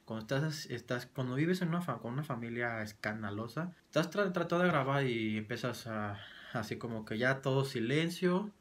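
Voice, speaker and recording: A man's voice: medium pitch, animated, moderate pace, slight background noise. A man in his twenties with a Mexican accent, talking casually and rambling to his vlog audience with lots of slang. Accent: Mexican Spanish. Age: 20s. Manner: rambling, slangy, self-deprecating. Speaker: vlogger.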